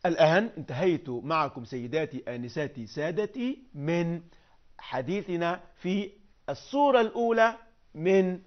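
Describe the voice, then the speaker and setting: An older man teaching classical Arabic prosody in a lecture, chanting syllables and verse in drawn-out sung tones and declaiming lines of poetry. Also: fairly high pitch, lively intonation. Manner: declaims poetry with rising force. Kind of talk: recorded lecture on Arabic meter. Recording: dull lo-fi audio recording.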